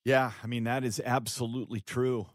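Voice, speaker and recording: A man's voice: mid-range voice, flat delivery, a little fast, dry recording, clean studio sound. A man co-hosting a faith-based podcast, speaking earnestly and emphatically, like a preacher. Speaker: podcast co-host, author. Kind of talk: faith-based conversational talk.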